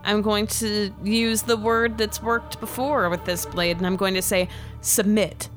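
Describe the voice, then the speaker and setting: A woman's voice: medium pitch, fairly even intonation, a little slow, a bit bright, faint music behind. A woman chatting casually and reacting as a player in a tabletop role-playing game.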